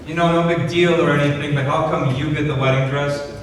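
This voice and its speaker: A man's voice: a little high, fairly even intonation, brisk, close to an everyday voice. A man playing a fussy, envious character bickering over wedding finery in a comedy sketch. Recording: echoey hall, distant microphone, faint noise.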